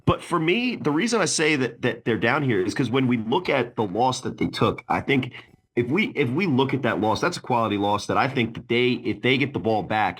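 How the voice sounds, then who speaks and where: A man with a medium-pitched, husky, slightly bright voice co-hosts a casual sports podcast. He argues bluntly and swears, often restarting with repeated words.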